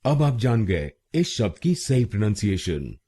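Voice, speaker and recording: A man's voice: lowish voice, sing-song, normal speed, mellow, slightly rough. A man teaching pronunciation in a scripted lesson, spelling out letters and repeating each syllable.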